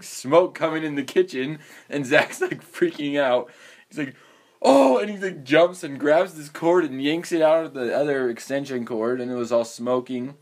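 Laid-back joking young man co-host. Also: medium pitch. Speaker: podcast co-host. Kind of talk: casual chat.

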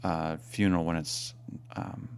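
A man's voice: deep voice, little pitch movement, measured pace, a little mellow, clear, resonant tone. A man who is a parish priest, chatting casually and amiably on a podcast. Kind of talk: casual chat.

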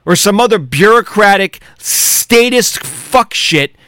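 A man's voice: high voice, lively intonation, slow pace, pushed and bright, no echo. An American man delivering a heated, profane monologue rant, angry and sarcastic. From United States. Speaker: commentator.

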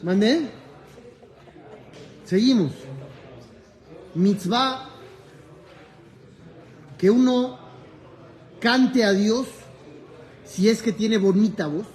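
A man teaching as a rabbi in a lively class, telling a story, acting out its dialogue and joking with his listeners. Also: high voice, extremely slow, pauses often. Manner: animated, jokes with the audience, acts out dialogue. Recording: echoey room with audience.

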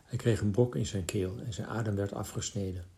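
Man, audiobook narrator, calm, measured, mellow, gravelly. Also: on the low side. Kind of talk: literary audiobook reading.

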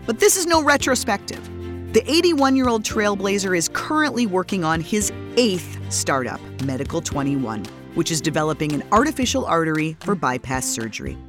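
A woman hosts a business podcast from a studio, her voice on the low side but with a lively, rising and falling delivery. Her polished, upbeat intro is read over clear background music. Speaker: podcast host and magazine editor. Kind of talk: scripted intro and interviewing.

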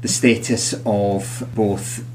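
A man's voice: fairly low pitch, fairly even intonation, takes it slowly, a little mellow, slight background noise. A man hosting a psychology podcast in conversational style, chatty, with wry asides, in a recording room with guests.

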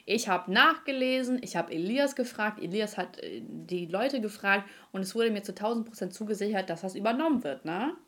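An animated woman telling a story on a casual podcast, slangy and quick to laugh. Her voice sits at a middling pitch for a woman. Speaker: podcast host.

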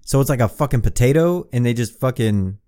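With a medium-pitched, dark voice, lively intonation and a brisk pace, a man who lives in Hawaii co-hosts a casual podcast chat. He teases bluntly and swears all the time.

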